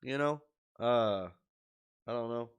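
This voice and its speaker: Sick with a stuffy nose and scratchy voice, a young streamer records a casual video diary on his desk webcam, rambling worriedly with lots of fillers. His mid-range voice is slow, clear, and resonant, though the audio sounds dull.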